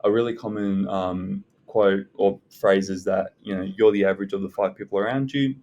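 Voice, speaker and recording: Low-pitched, even-toned man giving advice. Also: normal speed, highs cut off. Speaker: self-development content creator. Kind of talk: unscripted advice talk to viewers. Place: indoors in a library.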